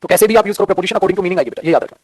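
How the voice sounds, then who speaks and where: Man, grammar teacher, class lecture, very fast talker, teasing and scolding, dry close sound. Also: high-pitched, darkish tone, husky, no room sound. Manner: playful scolding, calls students "beta", jokes; teasing, repetitive drilling questions.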